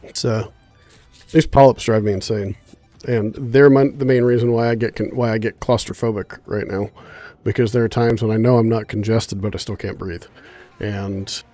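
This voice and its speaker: Against soft background music, a streamer with a fairly low, steady, mellow voice chats at a moderate pace in a dry recording. He sounds stuffy and nasal, rambling easily and peppering his thoughts with fillers.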